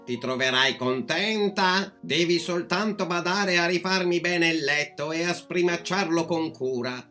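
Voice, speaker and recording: A gentle old woman from a storybook , put on by a man reading aloud. Her voice sits high and falsetto-like, slow and soft, full of kindness. A faint plucked guitar plays underneath. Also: heavily acted. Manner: soft and kindly. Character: kind old woman with long teeth, gentle.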